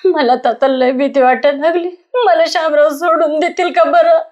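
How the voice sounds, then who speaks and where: A woman's voice: high voice, steady tone, moderate pace, a little mellow, lo-fi sound, lightly acted. A woman playing an anxious village wife who pleads through tears in a web drama. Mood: worried. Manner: pleading, tearful. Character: anxious village wife fearing her husband will leave her.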